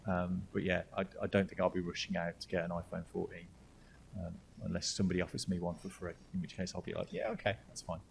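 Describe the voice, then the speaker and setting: A man's voice: sits low, monotone, quick pace, creaky, a little hiss or hum. A man hosting a casual podcast chat, joking and restarting his sentences often. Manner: jokey, rambling, with repeated restarts. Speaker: podcast host.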